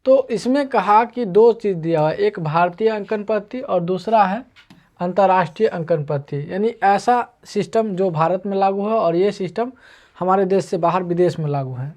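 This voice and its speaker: A man's voice: high voice, normal speed, darkish tone. A man teaching an online math lesson, explaining patiently and going over each step again and again. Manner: patient, repetitive explaining, walking through steps.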